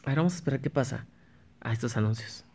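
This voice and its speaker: A gaming YouTuber with a medium-pitched, slightly mellow voice speaks at a quick pace against slight background noise. Casual and chatty, he talks to himself and his viewers while playing, with frequent restarts.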